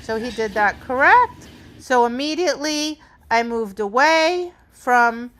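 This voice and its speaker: A woman's voice: a little high, lively intonation, takes it slowly, fairly bright tone. A woman dog trainer talking through a training demonstration, explaining each step and checking in with "right?". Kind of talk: instructional demonstration.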